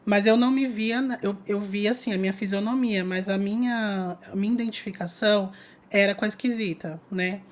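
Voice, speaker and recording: A young adult woman chatting to her online audience, telling a personal story in a lively, casual way. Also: mid-range voice, a little fast. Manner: lively, chatty, addresses viewers as "gente". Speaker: spiritual content creator.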